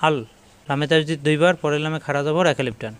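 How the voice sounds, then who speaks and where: A man teaching an online Quran lesson, spelling words letter by letter and chanting slow examples. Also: on the high side, clean tone. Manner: chants the call to prayer slowly in demonstration.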